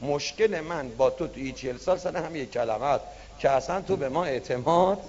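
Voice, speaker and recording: A man preaching voices God as a calm, stern, patient presence who speaks low and firmly. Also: close to an everyday voice. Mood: solemn reproach. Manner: low, hushed, firm and reproachful. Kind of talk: sermon storytelling. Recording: dull lo-fi recording.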